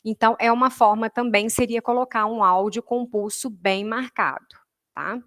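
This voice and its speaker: A woman with a Brazilian Portuguese accent teaches a music workshop in a patient, explanatory way. She keeps checking that her listeners follow along. Now and then she counts beats aloud in an even rhythm. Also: fairly high pitch, normal speed. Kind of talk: online workshop lesson.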